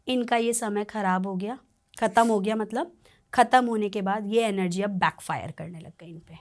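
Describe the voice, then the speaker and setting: A woman, a tarot reader and spiritual practitioner, telling a client's story on a podcast in an earnest, animated way, often checking that the listener follows. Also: medium pitch.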